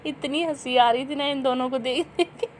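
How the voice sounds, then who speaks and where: A woman's voice: high voice, a little fast, slight background noise. A woman in her thirties from Pakistan, a mother narrating a family vlog in a chatty voice-over, amused and teasing, often breaking into laughter.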